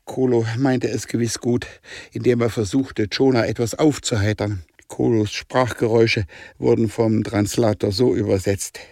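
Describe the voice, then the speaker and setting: A man's voice: medium pitch, steady tone, normal speed, vocal fry, a little mellow, no room sound, clean studio sound. Man reading a playful story. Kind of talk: audiobook narration.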